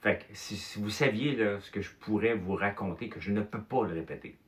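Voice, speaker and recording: A Québécois man in his fifties or older, telling childhood stories in casual chat, animated, with mild swearing and filler words. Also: fairly low pitch, fairly quick. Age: 50s or older. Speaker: host.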